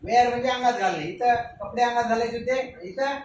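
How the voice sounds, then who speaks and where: A man's voice: very high-pitched, quick pace, a little mellow, a little hiss or hum. A man from Maharashtra teaching young pupils English words. He spells each word letter by letter and keeps asking the class to repeat it. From Maharashtra, India. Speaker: primary school teacher. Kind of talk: spoken English vocabulary lesson for children. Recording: very echoey room, voice from far off the mic.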